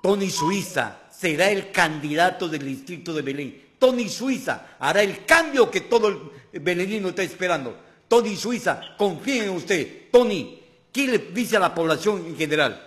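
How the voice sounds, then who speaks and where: A man's voice: high-pitched, lively intonation, moderate pace, fairly bright tone. A male radio host interviewing a local candidate, asking short questions and giving brief assent. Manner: brief prompting questions and backchannels.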